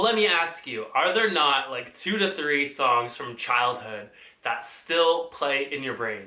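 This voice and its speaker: Bright-voiced chatty male vlogger. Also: a little high, echoey room. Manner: chatty, playful, exaggerated outbursts. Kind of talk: casual vlog.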